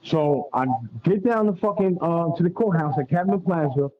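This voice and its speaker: A man's voice: on the high side, moderate pace, phone-quality sound. A man, telling a blunt, profane story as a guest on a radio interview. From Staten Island, New York.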